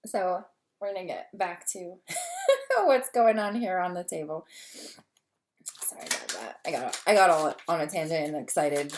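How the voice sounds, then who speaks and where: A woman doing a casual tarot reading to camera, talkative and long-winded, gushing and easily excited. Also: fairly low pitch, moderate pace, pauses often. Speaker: tarot reader.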